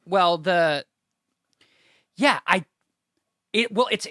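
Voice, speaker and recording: Bright, slightly high man joking dryly. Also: dry recording. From United States. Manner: dry, joking. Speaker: podcast co-host. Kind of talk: casual podcast chat.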